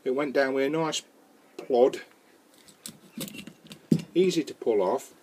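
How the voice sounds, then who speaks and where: In his wooden garden shed, a home brewing vlogger in his sixties reviews a product on an action camera held close. His Northern English voice sits mid-range and moves slowly, full of jokes, fillers, mild swearing and rambling, with a noisy background.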